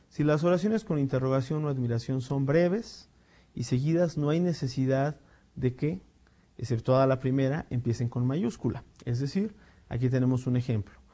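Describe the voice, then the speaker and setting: A male teacher explaining punctuation rules, reading example sentences slowly with emphasis and checking in with the class. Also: medium pitch, mellow. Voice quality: clears throat now and then. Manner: explanatory, with frequent fillers and checking "¿sí?". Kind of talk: recorded spelling and punctuation lesson.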